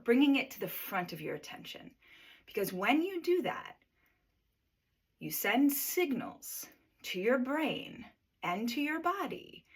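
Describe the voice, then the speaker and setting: Breathwork teacher, female, husky tone, chatty coaching delivery. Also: a little high, a bit bright. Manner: conversational, coaching, checks in with "right?". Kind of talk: guided breathing lesson.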